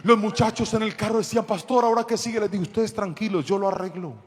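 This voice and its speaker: A man preaching a sermon to a congregation, telling a story with lively reenacted dialogue and jokes with the audience. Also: sits high, quick pace. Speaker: pastor. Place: church hall before a congregation. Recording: long hall reverb.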